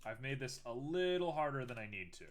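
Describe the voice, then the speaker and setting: While creating art on a live stream, a young man chats away casually, teasing himself and narrating his thoughts as he works. He speaks at a medium pitch, animated and fairly quick.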